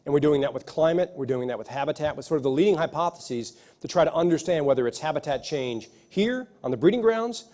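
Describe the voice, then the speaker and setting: A man's voice: a little high, expressive, fast talker, hardly any pauses, a little mellow. A man, an ecologist, answering audience questions after a lecture in an earnest way, often restarting his sentences. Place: lecture hall.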